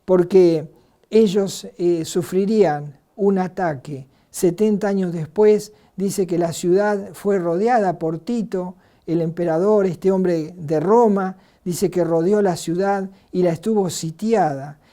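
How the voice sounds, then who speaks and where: Argentine lady preaching, mellow voice, earnest, lots of "este" pauses. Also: fairly low pitch. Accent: Argentine Spanish. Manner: earnest, rhetorical questions, hesitant "este" fillers. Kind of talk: sermon.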